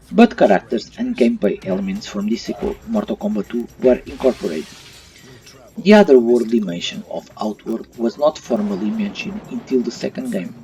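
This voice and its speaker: A man hosts a retro gaming video channel, delivering an opinionated review in English, which is not his first language, with non-native phrasing. His voice is mid-range and mellow. The mic sits at a distance, with faint music playing underneath.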